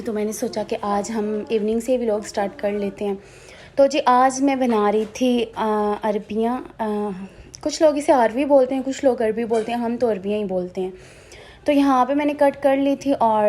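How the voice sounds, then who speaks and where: A woman's voice: fairly high pitch, mellow. A young woman, chatting casually through a home cooking vlog voice-over, with asides and fillers. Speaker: vlogger. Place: hot room at home, fan switched off.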